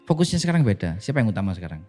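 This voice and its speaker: Male pastor, low voice, animated podcast storyteller who acts out quotes. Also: very fast, soft background music.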